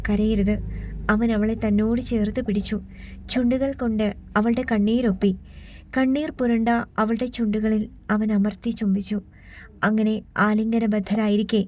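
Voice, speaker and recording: Mellow, higher-voiced woman narrator. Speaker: audiobook narrator. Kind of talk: scripted storybook narration.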